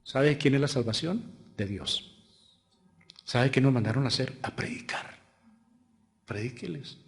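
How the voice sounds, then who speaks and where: A man preaching a sermon as pastor, with a Colombian Spanish accent, asking rhetorical questions and swinging between loud emphatic lines and quiet asides. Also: mid-range voice, expressive, a little slow.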